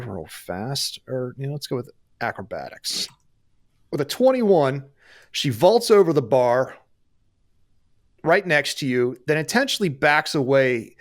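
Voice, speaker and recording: Acting as game master, a man with a mid-range voice improvises narration for a tabletop game. His delivery is animated and conversational.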